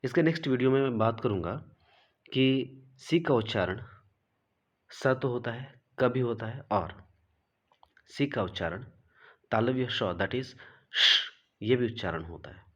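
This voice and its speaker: A man's voice: mid-range voice, lively intonation, unhurried, long pauses, fairly bright tone. A man teaching pronunciation in a classroom-style lesson, spelling out words letter by letter, repeating them and checking with "right?". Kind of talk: classroom lesson, explaining rules slowly.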